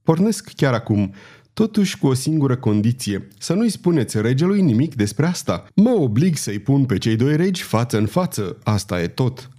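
A man reading the part of a calm, proud male knight who speaks with haughty courtesy. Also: medium pitch. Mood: courtly. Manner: polite but haughty, smiling.

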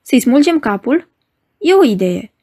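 A woman's voice: high voice, very animated, dark tone, heavily acted. A woman voicing a lanky, mocking male magician's assistant with a bleating, goat-like voice and a sneering way of talking.

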